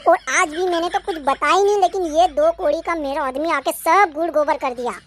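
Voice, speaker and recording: A woman voicing a smug, sharp-tongued young wife in a cartoon, scolding and gloating. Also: extremely high pitch, brisk, crowd noise. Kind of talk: cartoon voice acting.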